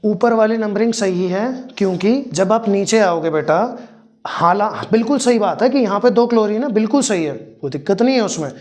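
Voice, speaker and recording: A male teacher who teaches a chemistry class, fondly teasing and mock-scolding his students while slowly spelling out formulas step by step. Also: high-pitched, animated, a little mellow. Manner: affectionate, teasing and scolding, calls students "beta".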